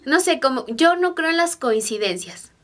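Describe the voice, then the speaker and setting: A woman's voice: sits high, lively intonation, normal speed, a bit bright. Chatty young woman vlogger. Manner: chatty, with frequent fillers and asides to viewers. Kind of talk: personal storytelling to camera.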